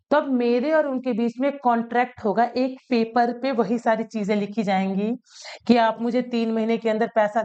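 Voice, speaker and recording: A woman's voice: a little high, a little mellow, highs cut off. A woman teacher explaining accounting terms in a casual lesson, repeating key points and acting out shopkeeper examples, mixing in English terms. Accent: Hindi-English mix.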